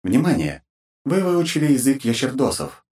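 A man's voice: medium pitch, big pitch swings, normal speed, a little mellow, distant mic, voice pushed up, close to an everyday voice. A man voicing an impersonal game system announcer in an audiobook, with a formal announcing tone. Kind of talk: audiobook reading.

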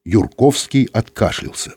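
Man, expressive narrator, husky, dry close mic. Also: mid-range voice, unhurried, no echo. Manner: expressive, animated reading. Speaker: audiobook reader.

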